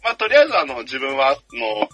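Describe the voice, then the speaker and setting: A man's voice: mid-range voice, wildly swooping pitch, fast, sharp tone, husky, dry recording, highs cut off. A man in a casual podcast chat over a video call, telling stories eagerly with jokey asides. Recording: video call with music behind.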